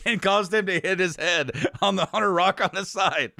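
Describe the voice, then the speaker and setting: A man co-hosting a podcast, telling stories about his father in a casual, animated way and often laughing. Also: normal speed, vocal fry, no room sound, studio quality. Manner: animated, laughs often, reenacts quotes in a high voice. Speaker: podcast co-host. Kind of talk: casual storytelling chat.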